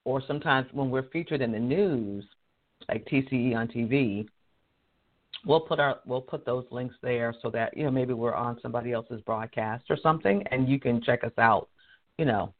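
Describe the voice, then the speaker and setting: Hoarse man, casual live host, chatty with frequent laughs, tinny phone-line sound. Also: mid-range voice, moderate pace. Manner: chatty, laughs often, restarts sentences. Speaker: career coach and show host. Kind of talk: casual live-stream talk.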